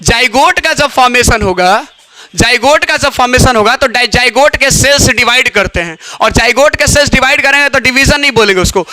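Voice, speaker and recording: A man lectures on biology, throwing out questions and answering them himself. His voice sits very high and sounds bright and sharp, with a smooth, clear tone. The recording is dry and close to the mic. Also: brisk. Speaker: biology teacher. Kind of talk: classroom lecture.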